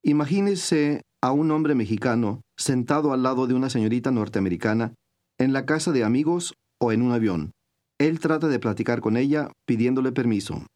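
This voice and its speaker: A man giving scripted instructions in a recorded language course, speaking in a clear, measured teacher's manner. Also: mid-range voice, expressive, darkish tone.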